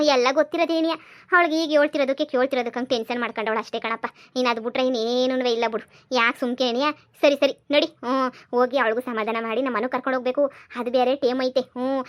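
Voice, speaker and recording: A woman's voice: high voice, lightly acted. Woman playing a fussing village mother-in-law. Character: older village mother-in-law, fond of her daughter-in-law.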